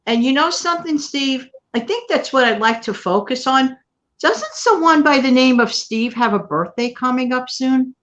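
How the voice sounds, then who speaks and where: A woman from New York City hosting a casual livestream chat, talking warmly and at length to her viewers and co-host. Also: high voice, animated, moderate pace, dull audio. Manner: chatty, warm thanks to viewers and co-host. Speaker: channel host.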